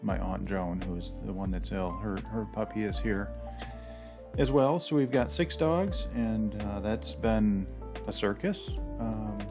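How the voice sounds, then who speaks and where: Over background music, a man with a somewhat low voice narrates his sailing vlog at home in an animated yet unhurried way. The channel host rambles chattily, using lots of fillers and joking at his own expense, surrounded by a house full of dogs.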